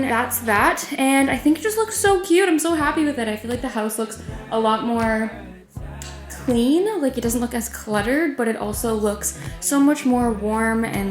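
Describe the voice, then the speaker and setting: A young woman in her twenties chats casually through a home vlog, upbeat and loose, with plenty of fillers. Her voice sounds roomy and echoey. Music plays underneath. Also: a little high. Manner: chatty, upbeat, many fillers like "like" and "um". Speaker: vlogger. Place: inside a home.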